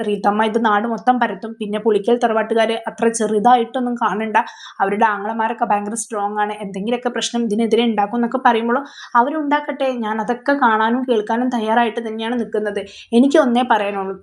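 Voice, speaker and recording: Fast-talking chatty woman. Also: fairly high pitch. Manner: chatty, retells dialogue, frequent tag particles. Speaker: serial recap host. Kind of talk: casual episode recap.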